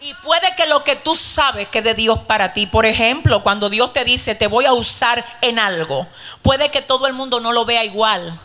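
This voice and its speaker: A woman preacher delivering a fervent sermon and prayer in a church service, at times rising to shouted exhortations. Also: a little high, moderate pace.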